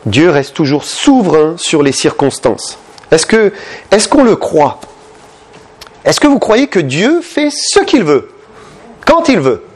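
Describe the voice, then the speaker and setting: A man's voice: big pitch swings, takes it slowly, pauses often. A man preaching a sermon in French, impassioned and addressing the congregation with questions. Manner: impassioned, questioning the listeners, big pitch swings.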